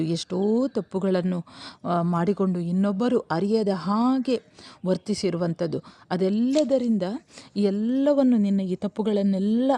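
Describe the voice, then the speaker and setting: Woman, middle-aged, lecturing on a poem, rephrases as she goes, warm tone, dry recording. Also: mid-range voice, no room sound. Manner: explanatory, repeats and rephrases phrases. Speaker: teacher. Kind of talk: explaining a Kannada poem in a lecture.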